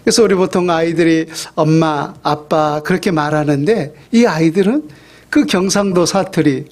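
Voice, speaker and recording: A middle-aged pastor delivers a sermon in a relaxed, conversational tone, his voice a little high for a man. He drops in small fillers and draws out the words he wants to stress, giving some phrases a slow, emphatic feel.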